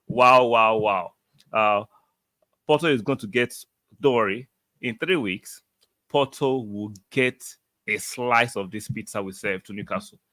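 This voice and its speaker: A man's voice: lowish voice, measured pace, fairly bright tone, no echo. A man hosting a live football reaction stream, talking emphatically, repeating his points and reading out viewer comments. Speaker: football fan livestream host. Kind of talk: excited match reaction livestream.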